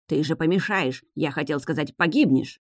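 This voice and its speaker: A fussy, hysterical court councillor who frets and schemes, his voice jumping high and shrill when he panics, as an audiobook reader puts him on. The recording is dry and close, with no room sound. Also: moderate pace, no echo, lightly acted. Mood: alarmed. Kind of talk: audiobook character voice.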